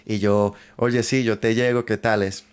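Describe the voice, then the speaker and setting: A man's voice: fairly low pitch, unhurried, clean tone. A young man, a podcast co-host, telling a story in casual chat with lots of laughter and slang. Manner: laughing, animated, slangy retelling.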